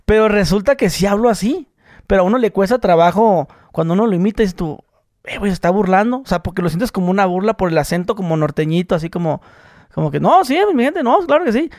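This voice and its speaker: A man hosting a podcast, asking quick, joking questions in casual chat. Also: high voice, darkish tone, no echo, clean studio sound. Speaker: podcast host.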